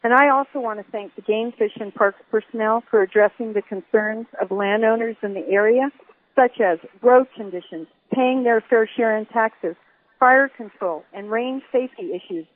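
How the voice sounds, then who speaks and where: An older woman speaks up at a public hearing, her prepared testimony firm and emphatic. She comes through a telephone speaker, so her slightly high voice sounds narrow and tinny. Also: moderate pace. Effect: heard over a telephone speaker. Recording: tinny phone line.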